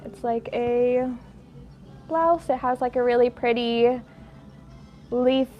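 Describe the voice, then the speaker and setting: Chatty woman, slightly high voice. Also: takes it slowly, dull audio, faint music behind. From United States. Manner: chatty and rambling, lots of "like", easily sidetracked. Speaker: livestream host. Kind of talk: casual chat while crocheting.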